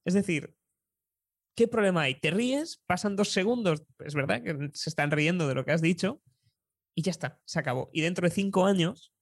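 Lively Spanish man telling anecdotes. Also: high-pitched, moderate pace, dry recording, studio quality. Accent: Spain. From Spain. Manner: lively storyteller, chuckles often. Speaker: public speaking coach. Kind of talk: anecdotal interview storytelling.

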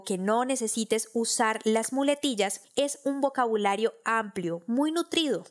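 A woman hosting a podcast, giving a scripted lesson on public speaking in a clear, instructive way and addressing the listener directly. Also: fairly high pitch. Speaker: podcast host. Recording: section headings read over loud electronic music.

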